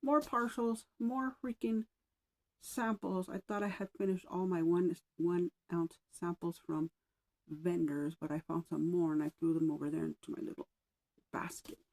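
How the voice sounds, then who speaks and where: A woman vlogger chatting casually at home, rambling a little with sighs and soft asides, slightly out of breath. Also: lowish voice, steady tone, normal speed, vocal fry, poor audio. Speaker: wax melt vlogger. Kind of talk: casual chat. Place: home room with oil diffuser.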